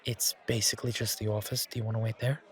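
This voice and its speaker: A fast-talking man with a low-leaning voice and flat delivery lightly acts as a friendly bartender at a supernatural bar. His casual, one-sided roleplay is chatty and somewhat hesitant, concerned and reassuring in mood, with bar crowd chatter in the background.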